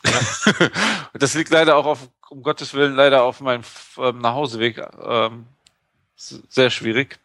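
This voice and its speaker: A man chats loosely on a podcast, joking and filling pauses with ums. His voice sits in the middle range and is recorded dry and close. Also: mid-range voice, steady tone, a bit bright, no room sound. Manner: chatty, joking, full of fillers. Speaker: podcast co-host. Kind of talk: casual chat.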